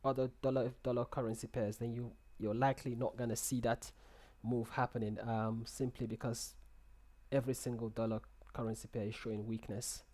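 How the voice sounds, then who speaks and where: A young man hosts a live trading stream, chatting casually into a headset in a small room, with a medium-pitched, darkish voice that's level and fairly quick. He reads and answers viewer comments, often restarting and repeating words.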